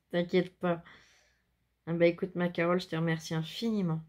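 A woman's voice: lowish voice, level tone, normal speed. A woman showing off handmade bookmarks in a casual vlog, admiring each one in detail. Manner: gushing, admiring, describes crafts in detail. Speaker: scrapbooking vlogger. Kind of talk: casual unboxing chat.

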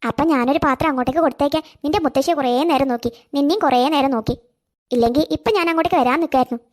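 A woman voicing a kindly, motherly middle-aged neighbor in a cartoon, coaxing and warm. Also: high voice, racing, voice pushed down, natural voice. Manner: warm coaxing, calls the girl dear. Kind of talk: cartoon voice acting.

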